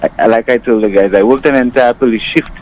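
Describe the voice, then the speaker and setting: A man's voice: medium pitch, fast. A man calling into a radio show over a weak phone line, speaking casually with many fillers and restarts. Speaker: radio call-in caller. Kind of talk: casual call-in praise.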